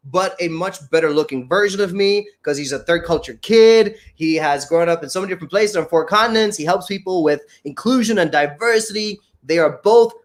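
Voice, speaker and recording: A man hosting a casual live online show, chatting in an upbeat, playful way. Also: high voice. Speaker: show host.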